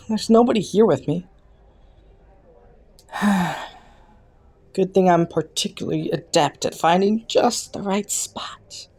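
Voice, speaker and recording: A woman's voice: on the low side, darkish tone. Woman acting flirty, swooping, teasing criminal Killua. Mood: sly, seductive. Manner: playful, taunting, coy, drawn-out mock innocence. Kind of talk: scripted roleplay audio, intimate monologue to the listener.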